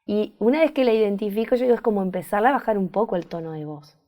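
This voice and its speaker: A woman's voice: medium pitch, lively intonation, quick pace, lo-fi sound. A woman therapist with a Rioplatense Spanish accent, speaking thoughtfully in an interview and often searching for words and repeating phrases. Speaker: therapist guest. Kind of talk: reflective conversational interview.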